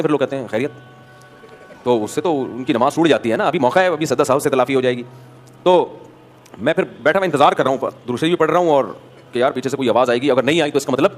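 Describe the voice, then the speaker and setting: A man from Pakistan, a mufti, giving a conversational sermon full of anecdotes, acting out dialogues and asking rhetorical questions. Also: medium pitch. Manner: animated storyteller, acts out dialogues, rhetorical questions. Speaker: mufti, religious scholar.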